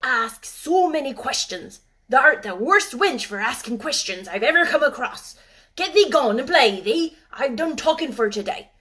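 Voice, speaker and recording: A woman voicing a gruff, grumbling old male gardener with a put-on in an audiobook. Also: medium pitch, expressive, measured pace. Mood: cross. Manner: gruff, grunting, clipped old-fashioned speech. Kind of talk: audiobook character voice.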